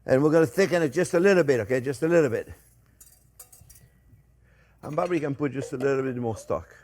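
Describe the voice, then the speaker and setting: A man's voice: mid-range voice, fairly quick, a little hiss or hum. An older man hosting a cooking show, chatting casually and animatedly to viewers as friends and often repeating short phrases as he demonstrates. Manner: addresses viewers warmly as friends.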